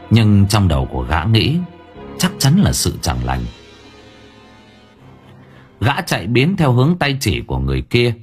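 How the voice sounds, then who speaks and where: A man narrating an audiobook with dramatic flair. His low, husky voice swings widely in pitch, with faint music under it. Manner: expressive, dramatic storytelling. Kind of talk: scripted narration.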